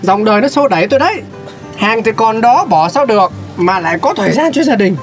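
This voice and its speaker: Lively high-voiced skit actress. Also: female voice, brisk. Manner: exclamatory, teasing. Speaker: skit performer. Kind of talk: comedy skit acting. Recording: faint music underneath.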